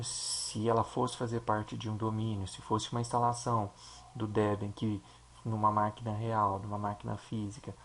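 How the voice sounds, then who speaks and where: A man with a Brazilian Portuguese accent, a teacher explaining a software installation step by step and checking in with his listeners. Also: fairly low pitch, a little hiss or hum. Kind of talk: screen-recorded software tutorial.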